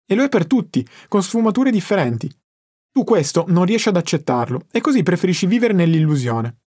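Audiobook: patient wise male mentor read by a man, slightly high voice, dry booth. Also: very animated, a little fast, darkish tone, no room sound. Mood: patient teaching. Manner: patient, instructive. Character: calm wise older male teacher. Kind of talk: audiobook character reading.

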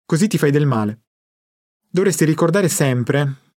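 A man reading the lines of an elderly grandfather in an audiobook, in a low, controlled, almost monotone voice. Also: unhurried, dry recording, clean studio sound. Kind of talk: audiobook narration.

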